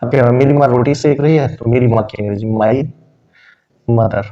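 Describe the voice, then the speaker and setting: A man's voice: medium pitch, moderate pace. A man teaching a spoken English lesson, explaining step by step with examples and answering his own questions. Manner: asks questions and answers them himself. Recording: dull, lo-fi recording.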